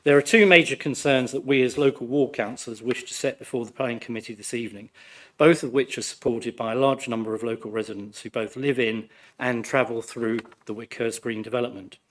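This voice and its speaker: A man, his voice croaky from flu, reading a formal, measured and critical speech as a councillor. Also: medium pitch, fairly even intonation, a bit bright. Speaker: ward councillor addressing a planning committee. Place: council meeting room.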